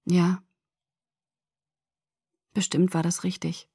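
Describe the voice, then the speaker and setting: A woman narrates a novel in the first person, reading with open emotion. Her voice is husky. The recording is dry and close, with no room sound. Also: lowish voice, completely flat delivery, slow pace, dark tone, dry recording. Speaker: audiobook narrator.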